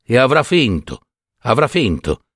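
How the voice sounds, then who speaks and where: A man voicing a kind but firm young village doctor in a story reading, calm, soothing and a little brusque. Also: medium pitch, a little slow, no room sound, studio quality. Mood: bemused. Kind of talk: dramatic audiobook reading.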